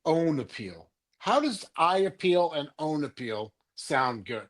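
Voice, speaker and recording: A middle-aged man from California talks cards on a casual podcast, joking and rambling through his stories. His voice sits a little high. He likes to tease his co-host with nicknames. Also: very animated, slow, fairly bright tone.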